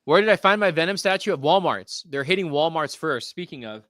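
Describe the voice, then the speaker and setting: A man's voice: a little high, animated, a little fast, a bit bright, no room sound, studio quality. A man in his forties hosting a casual collectibles podcast live stream, joking around and reading viewer comments aloud. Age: 40s. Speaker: podcast host.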